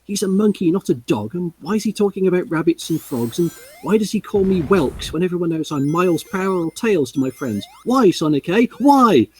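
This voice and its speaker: A man's voice: animated, fairly quick, hardly any pauses. A man voicing an anxious young male fox sidekick who whines and asks fussy questions in a raised voice. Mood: exasperated. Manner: whiny, questioning, pitched up.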